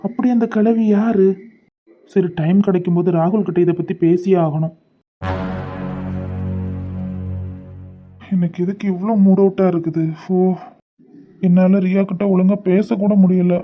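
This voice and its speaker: A man's voice: high voice, highs cut off, lightly acted. A man with a Kanyakumari Tamil accent voicing a brooding, short-tempered young husband in a cartoon, speaking in a snapping, exasperated way. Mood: worried. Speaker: cartoon voice actor. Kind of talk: homemade cartoon voice acting.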